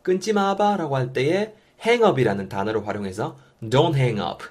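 A man teaching English phrases in an energetic spoken lesson, repeating example lines for learners to copy. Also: medium pitch, slow, slightly rough.

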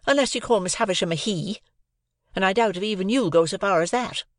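For this audiobook character voice, the reader takes on a sarcastic, snappish older sister whose sharp tongue runs into long, scolding tirades. Pitch is medium and pushed up, but close to an everyday voice, at a moderate pace with studio quality and no echo.

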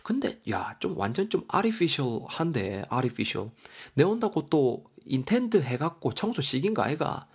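Guy doing a chatty gyeongsang parent griping about a messy kid, kinda husky. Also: mid-range voice, big pitch swings, normal speed, pitched above the performer's own voice. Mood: amazed. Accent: Gyeongsang Korean. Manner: chatty, exasperated.

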